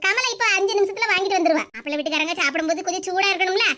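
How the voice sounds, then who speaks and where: A woman's voice: very high-pitched, very fast, sharp tone. A woman voicing a chatty, fussy older-sister neighbour in a cartoon. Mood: reassuring. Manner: fussy, talkative, motherly. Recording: noisy recording with clicks.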